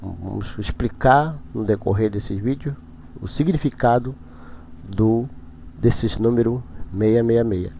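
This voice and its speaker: A man giving a preachy talk to his viewers, speaking very slowly and haltingly. His voice is mellow and dark, with sudden emphatic rises. Faint noise runs under the recording. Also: fairly low pitch, creaky. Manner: slow, halting delivery with repeated words and emphatic bursts. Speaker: religious channel host. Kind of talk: preachy monologue to camera.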